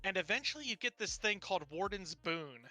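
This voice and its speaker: A man's voice: high-pitched, lively intonation, brisk, bright, forceful tone, faint music behind. A man playing in a tabletop game, enthusiastically explaining his character's abilities in detail. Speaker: player.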